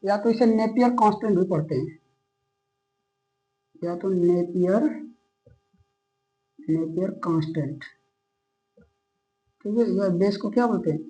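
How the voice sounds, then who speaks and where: The audio quality is low as a man delivers a maths lecture to his class. His high voice has a dark tone, and he keeps a measured pace with frequent pauses. Patient and methodical, he blends English maths terms into his speech and keeps stopping to ask "okay?" so students stay with him.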